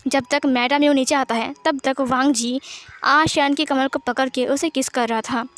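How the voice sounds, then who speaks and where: A woman's voice: high voice, normal speed. A woman casually retelling a fan fiction story, narrating steadily and voicing the dialogue herself. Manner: plain, steady narration that also voices the dialogue lines.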